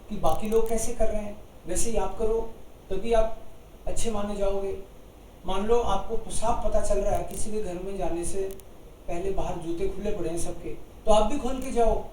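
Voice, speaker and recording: Slow, high-voiced man teaching German. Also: darkish tone, recorded from a distance, slight background noise. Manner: slow, explains each German sentence in Hindi. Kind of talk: bilingual language lesson, explaining in Hindi. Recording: echoey room, voice from off-mic.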